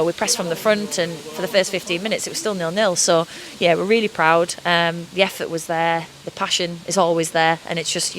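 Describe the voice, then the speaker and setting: Pitchside at an outdoor stadium, a woman football coach gives a measured, upbeat post-match interview, often saying "you know." Her voice is a bit bright and the recording is rough.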